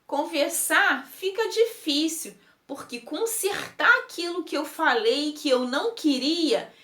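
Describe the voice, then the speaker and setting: Slow, expressive woman reading. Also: sits high. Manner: slow, emotive, lingering on words. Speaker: reader. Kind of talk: expressive reading of a first-person text. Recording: roomy echo.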